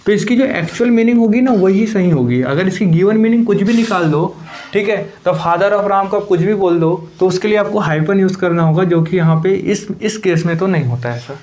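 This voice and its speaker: A man's voice: sits high, a little mellow. A man teaching English grammar for competitive exams in a Hindi-English lecture, explaining step by step, repeating key words and asking questions of his students.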